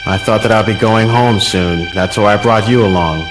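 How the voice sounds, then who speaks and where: A man's voice: on the low side, moderate pace, music in the background, lightly acted, rough recording. An actor playing a weary, concerned middle-aged father in an English anime dub.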